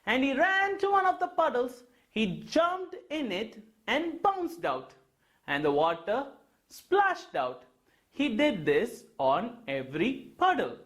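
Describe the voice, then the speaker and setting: A young man telling a story for children in an animated, expressive way. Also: extremely high pitch, slow. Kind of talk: storytelling for kids.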